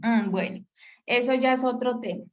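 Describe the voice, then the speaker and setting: Over a video call, a woman with a slightly high voice teaches an English grammar class at a moderate pace, explaining patiently and often asking questions to make sure students follow. Faint music plays in the background, and the recording quality is low.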